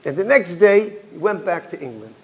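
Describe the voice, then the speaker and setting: A man with a high voice tells a story at a gathering, circling back on his words and mixing in Yiddish phrases. He speaks as a rabbi addressing a congregation in a synagogue hall. The sound is muffled and lo-fi, with a roomy echo. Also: lively intonation, normal speed. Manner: anecdotal, with frequent restarts and Yiddish phrases. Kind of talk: storytelling talk at a community gathering. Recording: echoey hall, dull lo-fi sound.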